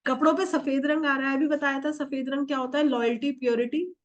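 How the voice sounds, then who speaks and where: A woman's voice: high voice, fairly even intonation, a little fast, lo-fi sound. Woman teaching a tarot class. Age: middle-aged. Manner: asks the class questions and answers them herself; mixes English words into Hindi. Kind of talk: online workshop lesson. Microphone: video call.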